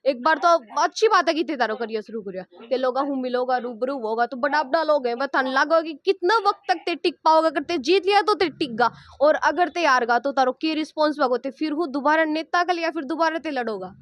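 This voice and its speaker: Woman interviewer, Rajasthani accent, high voice, dry close sound. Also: fairly quick, hardly any pauses, dry recording. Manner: asks in local dialect, frequent hums of assent. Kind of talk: interview questions.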